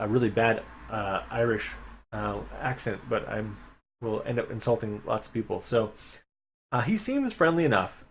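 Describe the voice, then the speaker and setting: A man streaming a live reading of an adventure gamebook, reading passages aloud and making chatty, wry asides to his chat. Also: mid-range voice. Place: home streaming setup.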